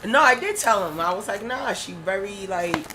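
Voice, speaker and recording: A woman playing a tabletop game, talking in an animated, slangy, exclamatory way. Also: mid-range voice, normal speed. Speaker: player. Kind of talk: casual tabletop play. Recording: background noise.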